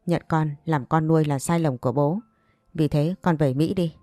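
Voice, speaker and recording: A woman's voice: low-pitched, moderate pace, warm tone, no room sound, clean studio sound, soft background music, natural voice. Woman reading as a stern older father. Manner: firm, admonishing.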